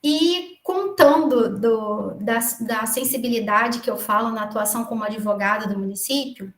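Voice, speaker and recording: A Brazilian woman gives a lecture and weaves in a personal story in a chatty, digressive way. Her voice sits high. It rings out in a reverberant room. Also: moderate pace. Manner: chatty, many asides and restarts. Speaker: municipal attorney giving a lecture. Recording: echoey room.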